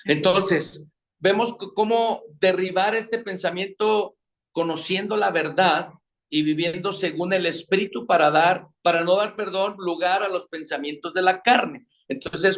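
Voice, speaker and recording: A man's voice: high-pitched, a bit bright. A man preaching a sermon on marriage, asking his listeners questions. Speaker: pastor teaching on marriage.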